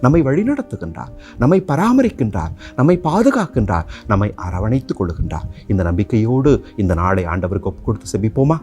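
A man's voice: on the low side, big pitch swings, fairly quick, a little mellow, soft background music. A man giving a reflective sermon on a psalm, then leading a prayer in a rhythmic, repetitive cadence.

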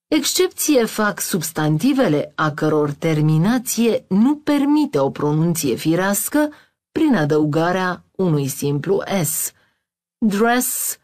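A woman reads a language lesson in a lowish voice that rises and falls a lot. She says each word slowly and clearly, with a pause after each one. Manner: slow, deliberate word-by-word reading with pauses; reads English words then Romanian translations. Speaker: language teacher. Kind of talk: scripted audio lesson.

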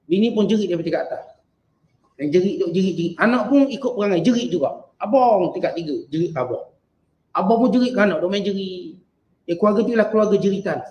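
A man with a Malaysian Malay accent teaching a Quran exegesis lesson, chanting Arabic verses slowly and then explaining them in lively everyday speech. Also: a little high, roomy sound, low-quality recording. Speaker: religious teacher.

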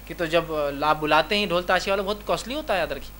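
A man's voice: high-pitched, fairly bright tone, slight background noise. A man from India speaking, giving a religious lecture full of rhetorical questions and repeated reminders to remember the point. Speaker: Islamic lecturer.

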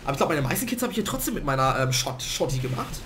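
A young man talks through his gameplay in a lively, up-and-down voice that is a bit hoarse from a cold. He gets loud and excited in bursts, and a faint noise sits under the recording. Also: on the high side, rapid-fire. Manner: excitable, swings to loud outbursts and laughter. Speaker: gaming let's player. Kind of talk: casual let's play commentary.

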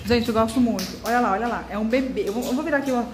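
Young woman vlogger, high bright voice, bubbly, coaxing kids; echoey room, noisy background. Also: rapid-fire. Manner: bubbly, coos and sing-songs to small children. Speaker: vlogger host. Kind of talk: casual home vlog. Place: home.

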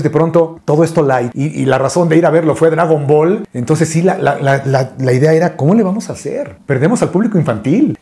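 A man with a Mexican accent, a dubbing voice actor talking in an interview and acting out quoted people in a much higher voice. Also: mellow. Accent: Mexican Spanish. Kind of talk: interview talk.

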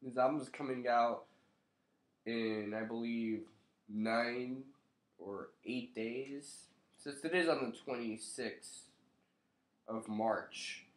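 A young male vlogger, still getting over a cold, speaks in a congested, nasal voice of ordinary middle pitch, slowly and offhandedly. He gives loose, profane casual commentary to his webcam from his living room. The camera's own mic picks up a roomy, echoing sound.

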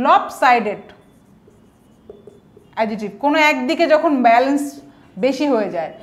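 High-voiced woman teaching vocabulary. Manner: explains patiently, mixing English examples into Bengali. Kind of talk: explanatory lesson.

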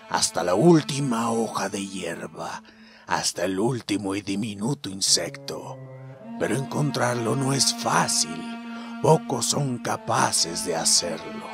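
A man voicing a mysterious, solemn stranger in a video game, reading the lines slowly and gravely, sometimes in a whisper. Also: lowish voice, lively intonation, music in the background, full character voice. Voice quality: slow, hushed, grave. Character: mysterious solemn stranger telling dark lore. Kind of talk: reading game dialogue aloud.

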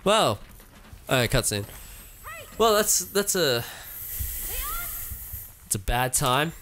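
Wry, slow-talking gameplay host. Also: male voice, medium pitch, sing-song, pushed and bright, a little hiss or hum. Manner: wry, sarcastic, laughing. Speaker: let's play host. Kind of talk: casual gameplay commentary.

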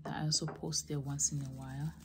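A woman softly talking and whispering in a breathy voice as an ASMR host. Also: little pitch movement, fast talker, background noise. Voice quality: breathy whisper mixed with soft low voice. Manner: soft, repetitive trigger words.

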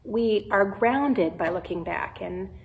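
A woman pastor with a Midwestern American accent, preaching a sermon in a slow, measured way with pauses. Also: mid-range voice, a little mellow, rough recording. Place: church sanctuary.

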